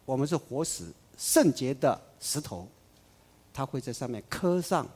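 A man preaching a sermon, emphatic, swinging between loud declarations and soft asides. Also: medium pitch, expressive, measured pace, breathy edge.

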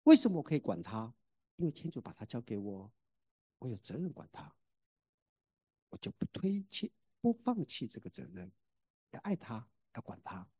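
A middle-aged father giving a sermon-style testimony about his family, telling it in an animated way that swings between loud and soft. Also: medium pitch, normal speed, long pauses, husky, no echo.

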